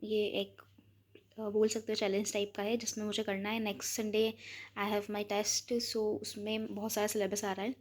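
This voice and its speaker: A woman's voice: medium pitch, monotone, unhurried. A young woman with an Indian accent chatting casually about her study plan, rambling and mixing English into Hindi. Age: young adult. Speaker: student vlogger.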